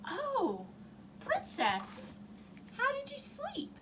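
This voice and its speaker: A woman's voice: extremely high pitch, huge pitch swings, extremely slow, voice pushed up, full character voice. A woman voicing a scheming, gracious storybook queen with a sly, coaxing manner. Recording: distant mic, clearly noisy room.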